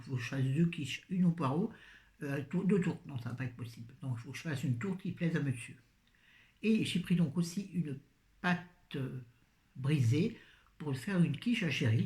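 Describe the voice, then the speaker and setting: A woman's voice: low voice, a little mellow. A tired woman with a fading voice, chatting in a scattered, self-mocking way about her grocery haul, recorded on a phone. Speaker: vlogger. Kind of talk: casual shopping haul chat. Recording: echoey room.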